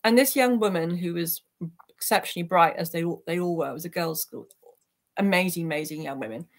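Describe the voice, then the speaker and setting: A little fast and lowish in pitch, a woman shares reflective personal memories as a guest in an online interview. The peace activist sounds earnest and heartfelt, speaking into a computer mic during a video call from a small attic room indoors at home.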